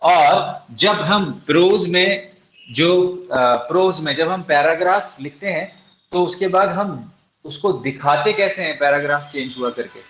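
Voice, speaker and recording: A man's voice: a little high, a little slow, a bit bright. A male teacher giving a classroom lecture. He asks the class questions and answers them himself, and spells terms out letter by letter. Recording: echoey room, dull lo-fi sound.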